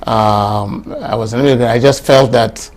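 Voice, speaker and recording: A man's voice: mid-range voice, moderate pace. A middle-aged man from Nigeria, a lawyer, being interviewed, talking easily with many fillers. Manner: relaxed, many fillers like "you know" and "um".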